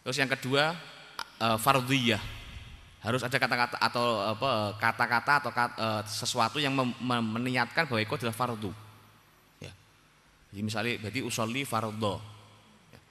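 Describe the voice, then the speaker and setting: A man with a Javanese accent teaching a religious text to a gathering, in a relaxed, repetitive way and often checking with "ya". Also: medium pitch, in a large hall. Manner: relaxed teaching, repeating words, frequent "ya" checks.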